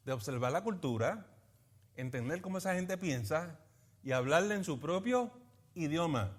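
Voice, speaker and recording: Lively preacher man. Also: medium pitch. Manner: lively preaching, asks the listeners for agreement. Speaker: pastor teaching a Bible study. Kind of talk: Bible study teaching. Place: church meeting in a school building.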